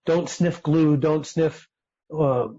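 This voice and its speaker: A man's voice: a little high, steady tone, takes it slowly, warm tone, highs cut off. Earnest man telling his life story. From United States (Utah). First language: Persian. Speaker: podcast guest.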